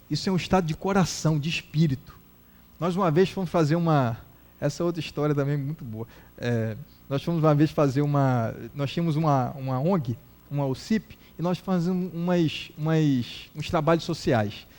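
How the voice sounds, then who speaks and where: A man with a Brazilian accent giving a public lecture at a spiritist center, an animated storyteller who acts out the characters. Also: fairly high pitch, normal speed. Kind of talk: public lecture with humorous anecdotes.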